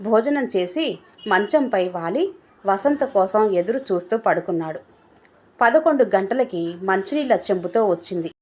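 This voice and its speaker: A woman narrating a family story in a measured, steady reading voice. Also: medium pitch. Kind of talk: scripted narration.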